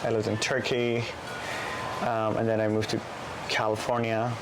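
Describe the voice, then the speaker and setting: A man in his thirties from Iran, a Persian speaker, talking thoughtfully in a casual interview with many pauses and restarts. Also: fairly low pitch, monotone, background noise. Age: 30s. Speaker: poet, guest.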